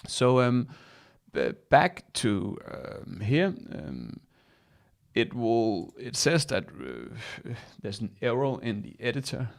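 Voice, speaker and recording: Gravelly-voiced man. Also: medium pitch, big pitch swings. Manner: casual, halting with many fillers. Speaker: host of live software tutorial. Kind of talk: live screen-share walkthrough. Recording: voice sounds robotic and echoey at times.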